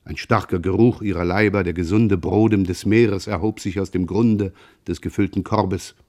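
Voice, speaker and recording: A man reading a classic novel aloud in a measured, expressive storytelling manner. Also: deep voice. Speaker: audiobook reader. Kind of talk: literary audiobook narration.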